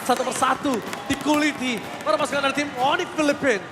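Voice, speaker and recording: A man with an Indonesian accent casting an esports match excitedly, with dramatic drawn-out calls and English gaming terms. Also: very high-pitched, roomy sound, crowd noise, background noise. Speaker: esports play-by-play caster.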